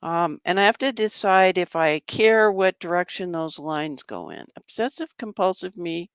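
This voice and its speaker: A woman's voice: fairly low pitch, animated, normal speed, smooth, dry recording. A woman casually demonstrating a journal-making craft project, chatting to herself as she works. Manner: chatty, talks to herself while working. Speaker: craft vlogger.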